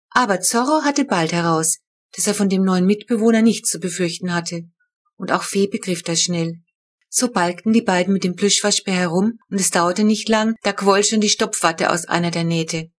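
A woman reading her own children's book aloud, calm and measured. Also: medium pitch. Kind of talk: audiobook narration.

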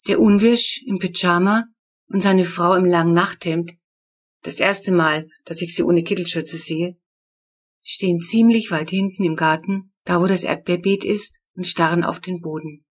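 A woman reading her own children's book aloud in lively storyteller narration. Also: lowish voice, moderate pace, slightly rough. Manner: lively storytelling, voicing the characters.

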